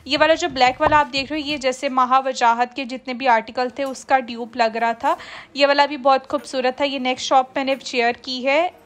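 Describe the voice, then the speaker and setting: A woman from Pakistan narrates a casual shopping vlog, chatting in a friendly way and speaking directly to viewers. Her voice is high-pitched, level, brisk, and a bit bright.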